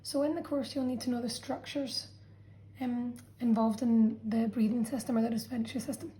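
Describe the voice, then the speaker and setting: A woman teacher walks students through a revision lesson in a patient, explanatory way, often pausing to check in. Her voice sits a little high but sounds mellow and warm. It comes across as a friendly classroom explanation. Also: fairly even intonation, low-quality recording. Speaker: science teacher. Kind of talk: revision lesson narration over a drawn diagram.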